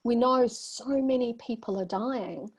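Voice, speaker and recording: A woman's voice: a little high, measured pace, slightly rough. A woman with a New Zealand accent, speaking thoughtfully as a panelist in a reflective discussion, often restarting her sentences. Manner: thoughtful, searching, with frequent restarts. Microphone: video call.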